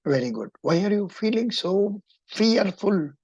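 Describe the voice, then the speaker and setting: A woman's voice: mid-range voice, expressive, measured pace, darkish tone, husky, no echo, lo-fi sound. A woman with a Kannada-influenced Indian English accent, coaching a mock interview in an encouraging, instructive and probing way.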